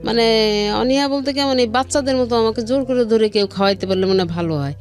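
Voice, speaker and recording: Speaking fast in a slightly high voice, a middle-aged Bangladeshi-accented woman recounts her life as an interview guest, relaying exactly what each person said in a chatty way. There's music behind her.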